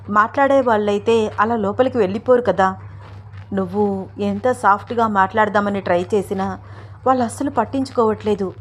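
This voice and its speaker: A woman's voice: medium pitch, close to an everyday voice. Woman doing a worried young woman begging to leave, anxious and urging, story reading.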